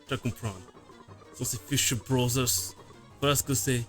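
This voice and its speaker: A man's voice: mid-range voice, steady tone, moderate pace, soft background music, lightly acted. A man voicing an exasperated male sailor in a put-on, exaggerated English accent. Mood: irritated. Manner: exasperated, ranting.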